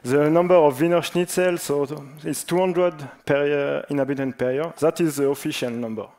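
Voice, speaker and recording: A man's voice: a little high, fairly even intonation, normal speed, darkish tone. A man presenting at a conference who runs a joking quiz in a playful, teasing manner. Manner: playful, jokes about national clichés.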